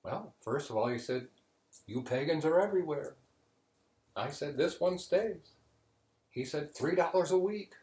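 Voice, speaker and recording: A man's voice: fairly high pitch, animated, unhurried, pauses often, a little mellow, roomy sound, pitched above the performer's own voice. A man voicing a cheeky male pagan priest delivering the punchline of a joke. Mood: sly.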